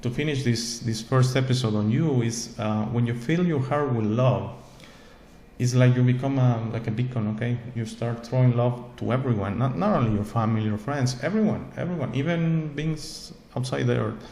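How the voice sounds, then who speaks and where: A man hosting his own show, English not being his first language, delivers an earnest, rambling spiritual monologue to camera, repeating words and checking with "okay?". His voice is medium-pitched and mellow at a moderate pace, captured in an echoey room with faint ambient noise.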